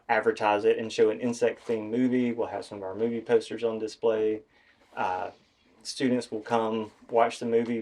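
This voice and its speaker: A middle-aged man with a voice a little on the low side. He speaks as a museum director and professor, giving informal explanations in an interview. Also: darkish tone.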